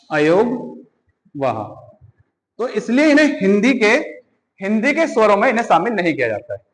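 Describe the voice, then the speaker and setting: A man's voice: high voice, fairly bright tone, big-room sound, poor audio. A man teaching an exam-prep grammar lesson, asking questions and answering them himself, repeating key points.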